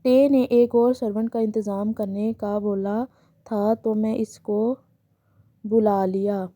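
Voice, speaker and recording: A woman reading a fan fiction story aloud in a steady, plain voice, then chatting to her listeners. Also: mid-range voice, takes it slowly, no room sound. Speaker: story narrator. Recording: slightly dull lo-fi recording.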